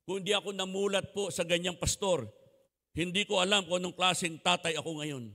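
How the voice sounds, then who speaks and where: A high-voiced older man with a Filipino accent preaches a sermon, his tone gravelly and sharply bright. He shifts from folksy stories to loud, fervent calls. The sound carries a long reverb from the church hall. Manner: animated, switches between storytelling and shouted exhortation.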